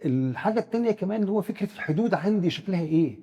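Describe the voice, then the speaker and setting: A man's voice: high voice, animated, racing, dark tone, slightly rough, big-room sound. A man with an Egyptian Arabic accent, explaining psychological ideas through first-person examples and often restarting his words. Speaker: psychiatrist guest expert. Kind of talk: explanatory discussion.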